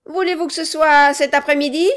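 A woman reading aloud voicing a scheming male dwarf who talks loudly and insistently with false friendliness. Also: sits high, fairly even intonation, a little fast, voice pushed up. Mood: pushy.

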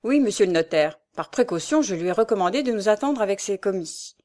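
A woman's voice: mid-range voice, lively intonation, brisk, dark tone, natural voice. A woman voicing a fat, self-important male bailiff in an audiobook, grave and formal. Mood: deferential. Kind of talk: audiobook character voice.

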